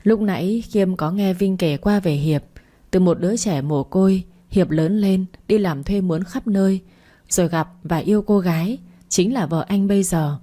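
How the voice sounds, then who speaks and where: Low, mellow woman narrating a story. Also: normal speed.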